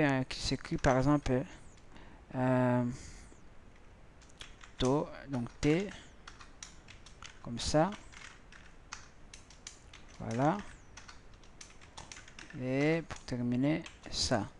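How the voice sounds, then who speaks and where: In this screen-recorded coding tutorial, a male programming teacher talks at a mid-range pitch over slight background noise. His delivery is slow and halting, with repeated words and thinking aloud while he types.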